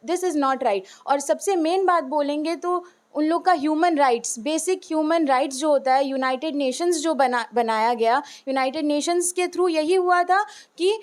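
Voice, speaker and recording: A woman's voice: high-pitched, darkish tone. A woman teacher answering interview questions earnestly, switching between Hindi and English with frequent "uh" fillers. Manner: earnest, heartfelt. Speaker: school teacher.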